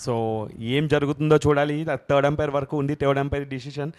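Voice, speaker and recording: A man with an Indian accent giving excited, exclamatory live cricket commentary as a co-commentator. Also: on the high side, fast talker. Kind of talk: live cricket commentary mixing Telugu and English.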